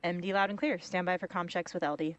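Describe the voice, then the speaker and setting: A woman's voice: lowish voice, steady tone, fast talker, muffled recording, a little hiss or hum. A woman making procedural radio comm checks as a mission director.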